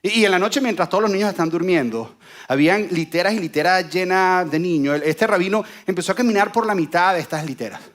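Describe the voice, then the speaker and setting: A man preaching a sermon, telling a story and joking with the congregation in an animated way. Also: sits high, fast talker.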